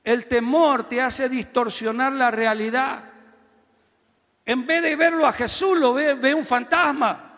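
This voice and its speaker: A man preaching a sermon as pastor, telling a story and then building to loud, shouted calls for the congregation to repeat after him. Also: very high voice, steady tone, measured pace, big-room sound.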